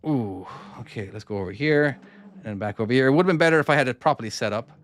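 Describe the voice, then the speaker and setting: Fast and animated at a medium pitch, this man from Cork talks in an Irish accent over his trucking game on a live stream. Casual throughout, he walks himself through each maneuver and answers what viewers ask in chat. There's no room sound; the quality is studio-grade.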